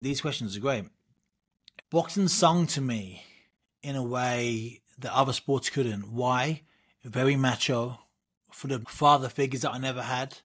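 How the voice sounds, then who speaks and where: A middle-aged man, a guest on an interview, telling lively anecdotes from his youth in a casual way. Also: mid-range voice, unhurried, slightly rough. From United Kingdom. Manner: vivid, animated anecdote-telling with laughs. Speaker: guest, former Olympic boxer.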